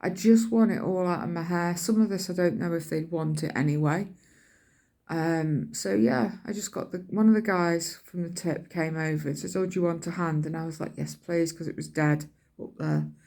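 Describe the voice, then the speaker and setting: A middle-aged British woman rambles through a casual vlog, telling colloquial everyday stories and acting out people's words. Her fairly low, mellow voice moves at a normal speed.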